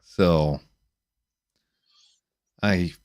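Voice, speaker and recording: A man hosting a casual chat on a video call, halting, with many restarts and fillers. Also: low voice, darkish tone, clear, resonant tone, no echo, studio quality. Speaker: host.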